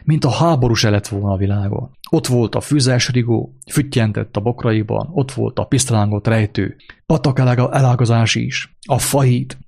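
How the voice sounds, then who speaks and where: A man reads a story aloud to his listeners and stops now and then to explain what happened, hesitating as he goes. His voice is gravelly with a steady creak and sits at a middle pitch.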